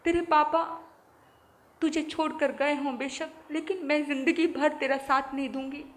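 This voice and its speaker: A woman's voice: high voice, steady tone, a little slow. A woman voicing a grieving eight-year-old orphan boy, crying and pleading desperately with his mother.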